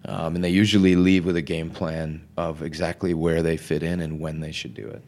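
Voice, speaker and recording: Male podcast guest, deep voice, informal professional explaining in a casual, slightly halting conversational way. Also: flat delivery, a little mellow.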